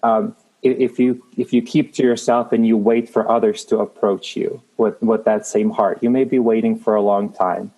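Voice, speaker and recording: A man in his thirties from the Czech Republic, a creative manager guesting in an interview, talks with a Czech accent in a lowish, dark voice, level in tone and at normal speed. He's earnest and encouraging, restarting often in this motivational talk, and the recording is low quality.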